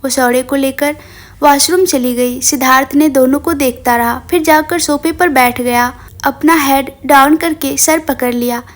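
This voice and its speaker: A woman's voice: high-pitched, fairly even intonation, measured pace. A woman narrating an emotional story, reading it expressively as a storyteller.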